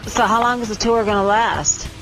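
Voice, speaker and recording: A woman's voice: mid-range voice, moderate pace, over music, rough recording. A middle-aged woman from New York interviewing a musician in a friendly, easygoing way. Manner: friendly, laughs easily. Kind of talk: casual interview chat.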